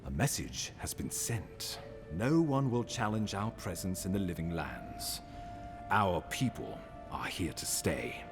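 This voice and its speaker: Courtly scheming ambassador from a fantasy game, low voice, really lively and theatrical. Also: male voice, takes it slowly, over music, full character voice. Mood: approving, sly. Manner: formal, theatrical. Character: courtly, scheming imperial ambassador, grown man. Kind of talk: fantasy video game dialogue.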